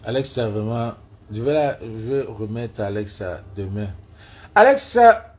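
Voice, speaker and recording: A man with an African French accent, vlogging casually as he mocks a voice assistant in loud, profane bursts. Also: fairly low pitch, a little slow. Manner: loud, profane and mocking, switching between English and French. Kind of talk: casual vlog, heckling a voice assistant.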